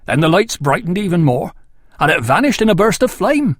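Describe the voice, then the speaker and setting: A man voicing an earnest, excitable male farmer who speaks with awe. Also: high voice, brisk, no room sound, clean studio sound, pitched above the performer's own voice. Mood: awed. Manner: eager, awed, excitable.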